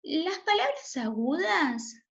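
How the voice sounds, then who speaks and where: A woman's voice: extremely high pitch, big pitch swings, slow pace, vocal fry, lo-fi sound. A woman teacher walks children through a spelling lesson, often checking in with a questioning "¿sí?". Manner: checks in with a questioning "¿sí?" after each point.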